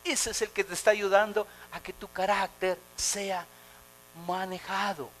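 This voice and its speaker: High-voiced preaching pastor, man. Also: a little slow. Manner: animated preaching, call-and-response with the congregation; acts out quoted voices. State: anxious, fast talker. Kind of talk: sermon. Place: church service.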